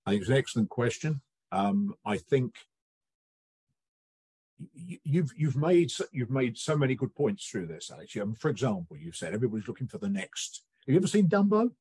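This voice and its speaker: A middle-aged man speaks as a podcast guest, his voice slightly husky and recorded close and dry. He tells stories with energy, slipping into little quoted voices as he goes. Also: medium pitch, dry recording. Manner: animated storyteller, acts out quick quoted voices. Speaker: guest, coaching researcher. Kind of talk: relaxed interview conversation.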